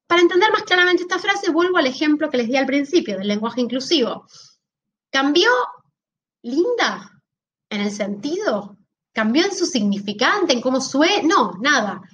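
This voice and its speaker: A woman's voice: high-pitched, sing-song, moderate pace, a bit bright, muffled recording. A woman giving a recorded lecture, explaining step by step and often checking in with her listeners. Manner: explanatory, checks in with frequent rhetorical questions. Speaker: teacher.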